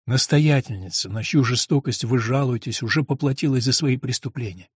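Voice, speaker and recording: A man voicing a calm young nobleman who speaks slowly, softly and soothingly. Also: medium pitch, breathy edge, no room sound, studio quality, pitched below the performer's own voice, lightly acted. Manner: slow, soft, soothing.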